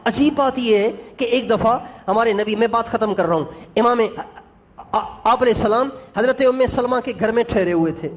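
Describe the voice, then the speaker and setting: A man with a high-pitched voice delivers an emotional sermon. He tells the story with feeling and addresses his listeners directly as brothers. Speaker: preacher.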